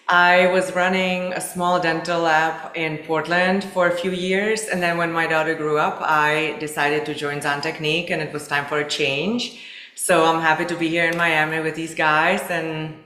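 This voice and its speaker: A woman from the Czech Republic, a native Czech speaker, co-presenting a dental webinar with an orderly, steady recap. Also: sits low, reverberant. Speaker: removable department manager, co-presenter.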